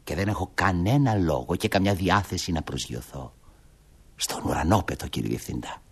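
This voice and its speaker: A man's voice: sits low, animated, slightly rough, exaggerated voice. An actor voicing a young man, a daydreamer who turns into a flustered fibber, in a dubbed film. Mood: dreamy. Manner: dreamy and grand, then frantic and pleading on the phone.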